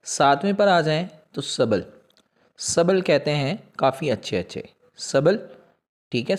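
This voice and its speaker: A man teaching English pronunciation in a video lesson, saying each example word twice and then giving its meaning. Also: mid-range voice.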